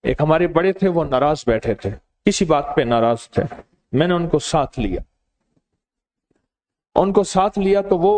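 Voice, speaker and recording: A man giving a sermon, telling stories and speaking directly to his listeners in an animated way. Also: on the high side. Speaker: religious preacher. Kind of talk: storytelling sermon.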